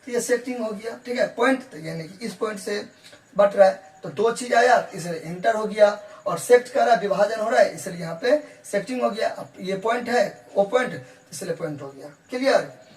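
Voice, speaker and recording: A man's voice: high voice, moderate pace. A male math teacher giving a classroom geometry lesson. He explains by repeating himself, asks rhetorical questions and answers them, and mixes English math terms into his explanation. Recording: echoey room, voice from a distance.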